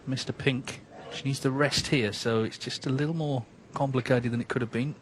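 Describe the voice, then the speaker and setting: A man giving live snooker match commentary in a measured way, often turning remarks into tag questions. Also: mid-range voice, steady tone. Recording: background noise and arena ambience.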